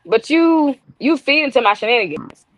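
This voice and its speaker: A woman's voice: high-pitched, very animated, moderate pace, muffled recording, slight background noise. A woman, chatting as an interview guest, teasing and laughing often. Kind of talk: casual interview chat.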